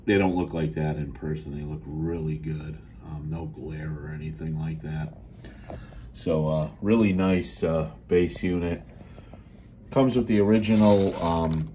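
An American man demonstrates a restored CB radio he's selling, speaking low and relaxed in a halting, matter-of-fact, unscripted way. He's indoors at a radio bench, and the handheld camera mic picks up a somewhat noisy room.

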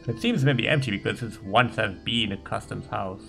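A man's voice: fairly low pitch, normal speed, creaky, over music. A man playing through a gamebook and thinking aloud, hesitant as he mulls over his choices. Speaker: player.

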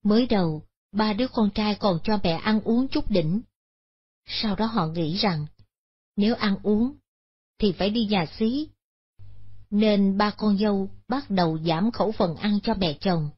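A woman narrating a Buddhist moral story in a steady, solemn manner. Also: mid-range voice, unhurried, breathy edge. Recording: dull lo-fi recording.

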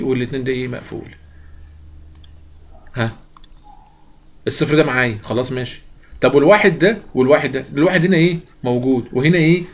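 Egyptian guy teaching math super fast, jokey, quizzes then answers himself. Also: medium pitch. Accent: Egyptian Arabic. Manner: rapid, playful, asks and answers his own questions. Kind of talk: recorded math lesson.

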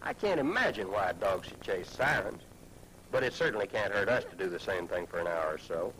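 An actor playing a practical, kind man in a 1960s family film, speaking in a brisk, earnest manner. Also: deep voice, expressive, fairly bright tone, slight background noise, low-quality recording. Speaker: adult helping search for a lost dog.

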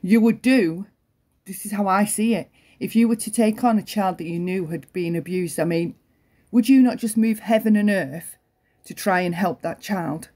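Woman doing an emotional opinion monologue, mid pitch, repeats herself a lot. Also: normal speed, darkish tone. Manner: earnest, repeats points, tags sentences with "right?". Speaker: commentary channel host.

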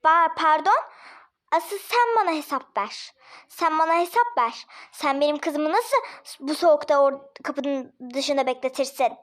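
A woman's voice: sits high, unhurried, fairly bright tone. A woman voicing an angry, protective father in a homemade family drama, talking in urgent, commanding bursts. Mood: indignant.

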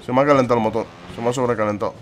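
Excitable young gamer. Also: male voice, medium pitch, rapid-fire, slight background noise. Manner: excitable, swears and exclaims often. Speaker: gaming YouTuber. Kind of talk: let's play commentary.

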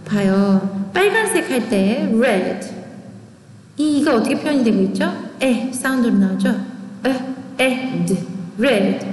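A woman teaching English pronunciation in an online lecture, chatty and lively, often asking questions and answering them herself. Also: a little high, unhurried, slight background noise. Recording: echoey room with long reverb.

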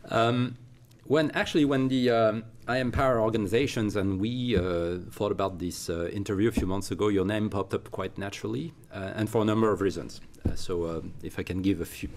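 A man's voice: lowish voice, fairly even intonation, fairly quick, hardly any pauses, a little mellow. A man interviewing a guest, speaking with many fillers and restarts in a studio. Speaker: interviewer, consultant. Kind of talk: conversational interview. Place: recording studio.

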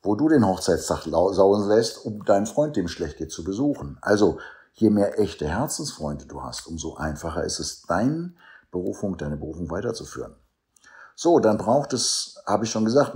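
A man's voice: low voice, warm tone. A middle-aged man coaching men in a motivational monologue, emphatic and preachy, talking straight to the listener. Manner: emphatic, preachy, addresses the listener directly with frequent "ja?". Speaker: men's coach.

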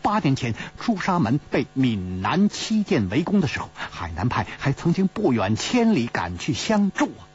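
A man's voice: medium pitch, huge pitch swings, moderate pace, a little mellow, slightly rough, pitched above the performer's own voice, heavily acted. A male storyteller voicing a teasing, worried young woman companion who chides and sighs, in a traditional storytelling audiobook. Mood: puzzled. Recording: slightly dull recording with faint hum.

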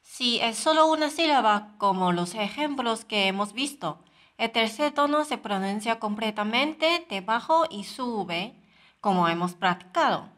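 A woman's voice: fairly high pitch, animated, a bit bright, reverberant. A woman whose first language is Mandarin Chinese, teaching a patient beginner lesson and checking in often with "¿sí?". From Taiwan. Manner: patient, drawn-out demonstrations with many checking "¿sí?".

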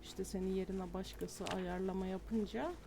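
A woman's voice: mid-range voice, steady tone, moderate pace, vocal fry, background noise. Swearing, panicky Turkish woman gamer. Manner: talks to herself, swears, panics and yells when chased. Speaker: gamer streamer. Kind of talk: casual let's-play commentary.

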